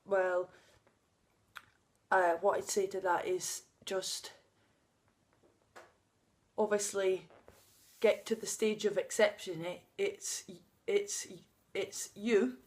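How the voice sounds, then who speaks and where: Medium in pitch and flat in delivery, she takes her time and pauses often. Outdoors on a sunny day, this woman in her thirties speaks emotionally and off the cuff in her personal vlog, sometimes laughing, and she stutters with blocks on first sounds.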